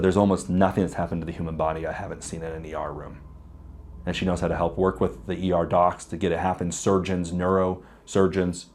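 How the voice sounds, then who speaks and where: Answering interview questions with candor, a raspy man in his thirties tells personal stories in a reflective, conversational manner. His voice sits low and sounds a little mellow.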